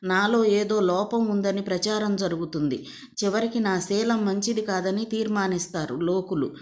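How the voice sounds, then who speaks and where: A woman's voice: medium pitch, normal speed, darkish tone, natural voice. A guilt-ridden young woman who pleads in a distressed voice, as a woman reads her lines. The voice stays close to the reader's own, in a storybook reading.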